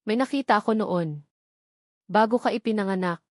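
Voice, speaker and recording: Confiding older neighbor woman, read by a woman narrator, hushed and dry. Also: mid-range voice, normal speed, no room sound, natural voice.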